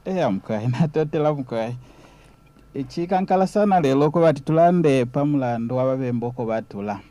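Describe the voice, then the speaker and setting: A man's voice: mid-range voice, lively intonation, fairly quick, dark tone, no room sound. A man with a Zambian accent, a guest explaining history in a conversational way.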